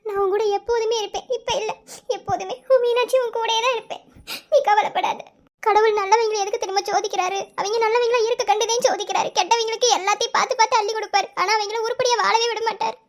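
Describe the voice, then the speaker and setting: An actress playing a loving young village wife who speaks heartfelt words in Madurai Tamil in a cartoon. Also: female voice, very high voice, steady tone, fast. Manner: emotional, heartfelt. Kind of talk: cartoon voice acting.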